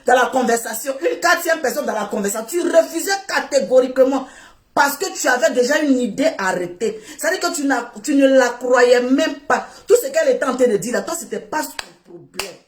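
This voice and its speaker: A high-pitched woman delivers a heated rant straight at a man, scolding, repeating herself and bursting into shouts. Her voice rings around an echoey room. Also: lively intonation, fairly quick. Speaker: online commentator.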